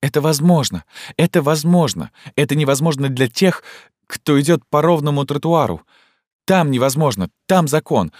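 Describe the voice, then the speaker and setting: A man's voice: on the low side, normal speed, no room sound, studio quality, voice pushed up, natural voice. A man reading an audiobook, voicing an impulsive young woman who pleads with intense, probing questions. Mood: impassioned.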